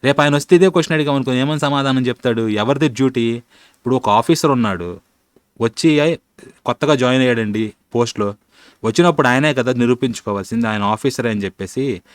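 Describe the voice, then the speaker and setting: A man's voice: medium pitch, fast talker, dry recording, studio quality. A man hosting a commentary channel, arguing his point in with plenty of rhetorical questions. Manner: argumentative, asks rhetorical questions, colloquial. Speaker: channel host. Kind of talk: critical commentary on religion.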